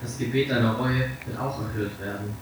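Man doing pleading old painter, raised pitch, distant mic, echoey hall. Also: fairly even intonation, a little fast, a little hiss or hum, close to an everyday voice. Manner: urgent, imploring. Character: elderly male painter, pleading and devout.

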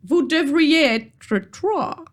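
A woman's voice: high voice, animated, drawn-out words, voice pushed up, exaggerated voice. A woman with a Quebec French accent voicing a polite, neatly dressed male troll who sticks to the rules. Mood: prim. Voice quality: prim and formal, sticking to rules.

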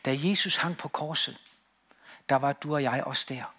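A man preaching a sermon in a church, emphatic on key words and then dropping quiet. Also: medium pitch, husky.

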